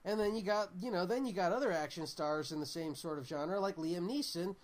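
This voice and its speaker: A podcast co-host with a high voice talks briskly in a casual chat about films. He's emphatic and joking, putting on mock voices.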